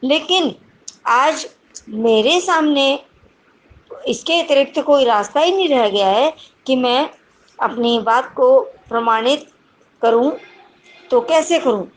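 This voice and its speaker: A woman's voice: sits high, low-quality recording. A woman teacher explaining a poem in a lesson, reading each verse aloud and then paraphrasing it carefully. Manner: reads verse lines aloud, then paraphrases them deliberately.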